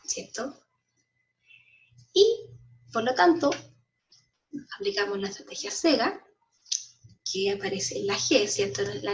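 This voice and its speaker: A woman teacher with a Chilean Spanish accent explaining a school lesson to children, slowly stressing syllables and often checking in with them. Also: fairly high pitch, far from the mic, a little hiss or hum. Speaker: primary school language teacher. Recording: muffled sound, voice a bit off-mic.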